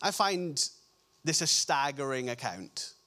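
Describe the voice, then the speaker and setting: A man preaching a sermon, reading scripture passages in a lower, softer voice and slowing down to stress key lines. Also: very animated.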